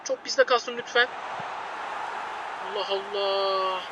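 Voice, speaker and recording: Excitable high-pitched young man yelling at a football game. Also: takes it slowly, heavy background noise. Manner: excitable, shouts at players, repeats words. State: hoarse, voice going. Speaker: gaming YouTuber. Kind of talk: live gameplay commentary.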